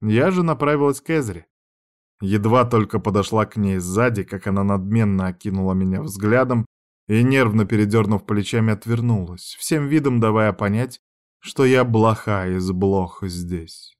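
A man reading a fantasy story aloud as scripted narration, in an even storytelling manner. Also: fairly low pitch, moderate pace. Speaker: audiobook reader.

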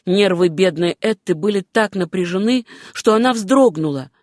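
An audiobook narrator reading prose at a measured, unhurried pace. The voice sits in a middle pitch. The recording is close and dry. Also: lively intonation, darkish tone, dry recording. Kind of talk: scripted narration.

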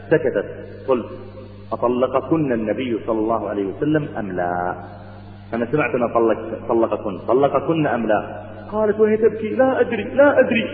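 A man's voice: on the high side, slight background noise. A man preaching a sermon, retelling a story with dramatic acted-out quotes. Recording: echoey hall on a tinny, lo-fi line.

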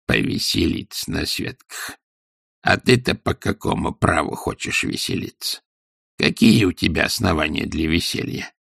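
A man's voice: very deep voice, expressive, moderate pace, gravelly, fairly bright tone, breathy edge, no room sound, studio quality, heavily acted. A man doing a muttering, grumpy old miser. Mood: grumbling. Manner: muttering, growled and half-whispered.

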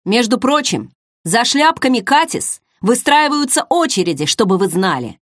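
A woman's voice: on the high side, lively intonation, normal speed, no room sound, studio quality, pitched above the performer's own voice, natural voice. A woman voicing an eager young man who proudly defends his bride in an audiobook reading. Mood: grumbling. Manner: eager, proud, then grumbling.

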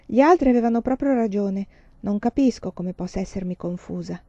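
A woman reading aloud voices a calm, evasive old fortune-telling nun who speaks softly and deferentially. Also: medium pitch, a little fast, dry recording, dull audio, natural voice. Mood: apologetic. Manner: soft, hesitant and deferential.

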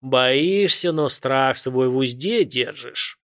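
A man voicing a gruff ancient warrior god who speaks slowly and scornfully, with heavy pauses. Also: medium pitch, a bit bright. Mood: stern. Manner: slow, weighty, scornful pronouncements.

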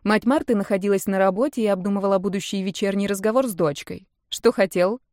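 A woman reading a novel aloud as an audiobook narrator, in an even, measured way. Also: medium pitch, no room sound, clean studio sound. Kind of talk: scripted narration.

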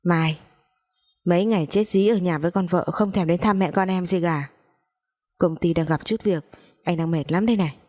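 A woman's voice: on the low side, moderate pace, pauses often, a little mellow, natural voice. A woman voicing an irritable, spoiled young husband in a spoken story. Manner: irritable and complaining.

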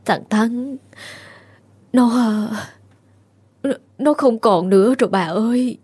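A woman voicing a frightened, kind-hearted young female cook who speaks in a shaky, hushed voice. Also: a little high, slow, breathy edge. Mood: grieving. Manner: trembling, hushed.

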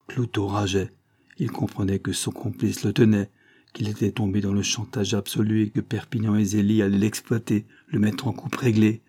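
A man reading a novel aloud as narrator, in steady, measured storytelling. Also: on the low side, slightly rough. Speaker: audiobook reader. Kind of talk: scripted narration.

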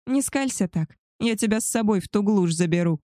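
A woman's voice: mid-range voice, lively intonation, a little fast, dark tone, no echo, clean studio sound, natural voice. A woman voicing an arrogant, spoiled young she-wolf woman who talks down to others in a haughty, contemptuous way. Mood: petulant. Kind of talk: audiobook character voice.

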